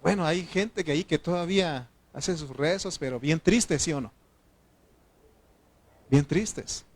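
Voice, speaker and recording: Animated and sometimes shouting, a Mexican Spanish-accented pastor delivers a sermon, addressing the congregation as "brothers", asking them yes or no questions, and calling for an "amen". His voice is medium-pitched.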